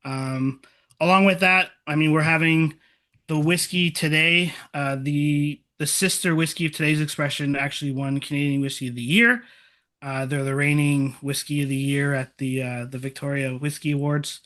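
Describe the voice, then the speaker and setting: A man with a fairly high, bright and crisp-edged voice presents casually to an online group. His delivery is informal and keen, like someone chatting through an introduction. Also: fairly even intonation, normal speed.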